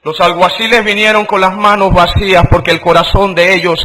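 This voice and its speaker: This sermon, captured on a low-quality recording, comes from a man whose delivery is flat yet emphatic and deliberate. He repeats phrases and moves between loud outbursts and soft, low stretches.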